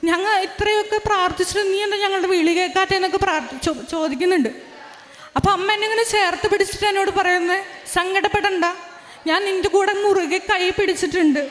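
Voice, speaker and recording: A young woman giving an earnest, halting religious testimony with many restarts and quoted dialogue. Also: very high-pitched, fairly bright tone. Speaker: testimony giver. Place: large prayer hall. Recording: long hall reverb.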